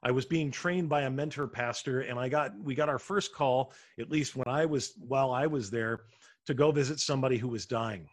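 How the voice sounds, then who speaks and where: Man, pastor, sermon, earnest, drawn-out emphasis, hushed endings, medium pitch.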